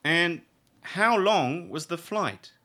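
A man's voice: on the high side, animated, very slow, sharp tone, pitched above the performer's own voice, heavily acted. A man putting on a joking uncle. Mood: friendly. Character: jovial English uncle, joking.

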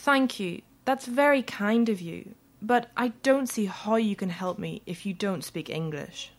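A woman voicing a young red-haired girl in an audio story, speaking English slowly and carefully. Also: medium pitch. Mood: earnest. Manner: slow, carefully spoken English.

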